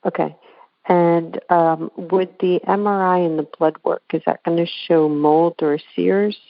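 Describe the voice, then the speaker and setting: A soft-spoken woman caller is heard over a dull, muffled phone line. Her voice is very low for a woman and has a gravelly edge. She speaks politely and keeps her replies short. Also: steady tone, unhurried, no room sound. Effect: phone-line caller on a radio-style call-in show.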